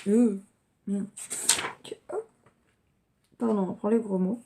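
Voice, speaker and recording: A young woman rambles cheerfully through a gift-unboxing vlog, stopping often for fillers. Her voice has a gravelly fry to it. A steady hiss sits under the home recording. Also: medium pitch, takes it slowly. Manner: chatty, rambling, many fillers. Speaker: vlogger.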